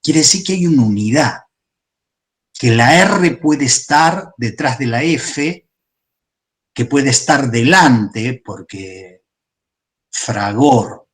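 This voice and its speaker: A man's voice: mid-range voice, animated. A man giving a class lecture, explaining step by step and often checking in with "¿sí?". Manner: explanatory, asks "¿sí?" often, pauses and restarts. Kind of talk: class lecture on psychoanalytic theory.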